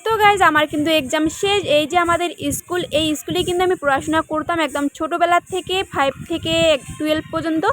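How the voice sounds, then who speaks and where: A woman's voice: very high-pitched, steady tone, quick pace, fairly bright tone, soft background music. A young adult woman, chatting casually to viewers in her vlog. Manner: chatty, addresses viewers directly. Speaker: vlogger. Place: outdoors in rain, then dance class.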